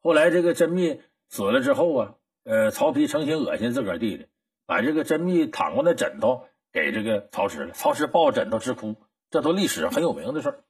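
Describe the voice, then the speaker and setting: A man's voice: mid-range voice, very animated, fairly quick, husky. A man telling a historical tale in a folksy, chatty way and drawing a moral lesson. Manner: folksy, chatty, talks straight to the listener. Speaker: storyteller.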